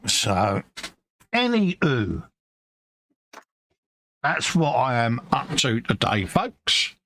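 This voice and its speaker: British male co-host, casual workbench banter, animated swinging pitch, laughs easily. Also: very slow, vocal fry, long pauses. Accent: British English. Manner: banter-filled, calls people mate, chuckles often. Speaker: co-host of a model-building live stream. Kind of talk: casual chat. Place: home workbench.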